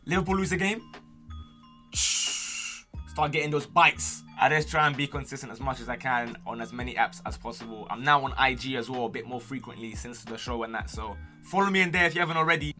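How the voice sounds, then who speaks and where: A young London man talks fast and to camera, answering viewer questions as a streamer and gamer. His mid-range voice is bright and forceful, and his banter is slangy, cocky and playful, with music in the background.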